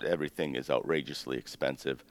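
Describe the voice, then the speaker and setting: This interviewee, a Greek-born man raised in the U.S. and now in his fifties, talks at a quick pace in a deep, rumbling voice that is extremely low. Recounting his family's story, he's loose and relaxed, wandering off track and often stopping to say "um" or correct himself.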